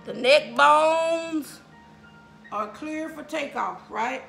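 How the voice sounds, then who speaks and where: A cooking vlogger chats casually with viewers in her home kitchen, folksy and talkative, calling them y'all. Her voice is high, gravelly, and a bit bright, with drawn-out words, and a counter camera that gets moved around picks her up in an echoey room with background music.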